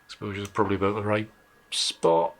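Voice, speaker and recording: A Northumbrian English man runs a casual live photo-editing session, thinking aloud as he goes. His voice sits on the low side and is a bit bright, and his delivery is flat and a little fast. Keyboard and mouse clicks are clearly heard in the background.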